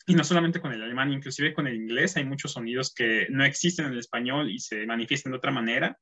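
A man hosting a casual interview, relaxed and agreeable, often clearing his throat, over a video call. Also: mid-range voice, a little fast. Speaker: interviewer and channel host.

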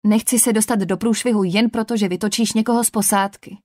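A woman's voice: medium pitch, steady tone, a little mellow, no room sound, clean studio sound, natural voice. Woman doing a cheeky teenage boy. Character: flippant teenage boy joker.

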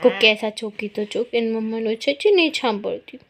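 A woman's voice: a little high, brisk, background noise. A young woman from Gujarat, a mother vlogging at home, talking to her small child and the camera in a playful, teasing, coaxing sing-song way. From Gujarat, India. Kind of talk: casual home vlog chat.

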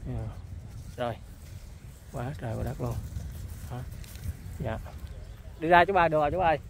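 A man with a gravelly, rough-edged voice and a Southern Vietnamese accent hosts a casual rural vlog. He chats on and on, calling out to his viewers as he films in the open air. A faint wash of outdoor noise sits under his voice. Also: medium pitch, normal speed. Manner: chatty, keeps addressing viewers as folks. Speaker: vlogger. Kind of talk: casual on-location vlog chat. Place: rural outdoors near buffalo and water.

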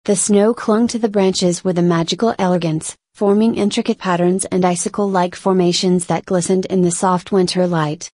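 Mellow-voiced woman narrating a hike. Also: lowish voice, fairly even intonation, normal speed, hardly any pauses, no echo. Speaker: vlog narrator. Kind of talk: scripted voice-over narration.

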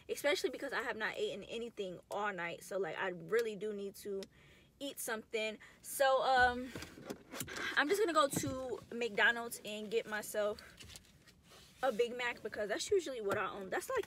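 A woman's voice: fairly high pitch, moderate pace, background noise. A woman in her mid twenties talking casually to camera in a vlog, chatty, slangy and emotional. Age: 20s. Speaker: vlogger. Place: in a car.

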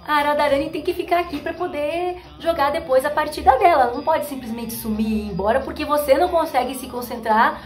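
A woman's voice: high-pitched, quick pace, hardly any pauses, roomy sound, soft background music, close to an everyday voice. A woman voicing a firm young female friend who referees the game and scolds a sore loser. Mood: scolding. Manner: scolding, matter-of-fact.

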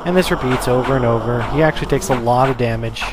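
A man's voice: mid-range voice, fast talker. A man giving casual, wry, explanatory commentary as he plays a video game. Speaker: let's play host. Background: loud game music.

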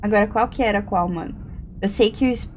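A woman's voice: medium pitch, a little fast, a little mellow, slight background noise. A young woman with a Brazilian Portuguese accent, chatting casually and slangily while streaming a game and reading chat. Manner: chatty, slangy, giggly, reads chat aloud.

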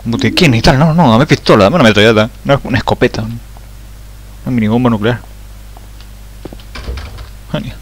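A man playing a horror game and commenting excitedly, swearing loudly and dropping English exclamations into his talk. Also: mid-range voice, moderate pace, pauses often, slight background noise. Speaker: let's play gamer.

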